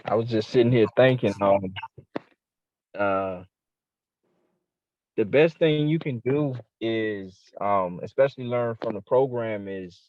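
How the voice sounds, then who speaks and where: A man taking part in a group call, sharing his thoughts casually and haltingly. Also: fairly low pitch, no room sound. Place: online group meeting call. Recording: dull lo-fi call audio.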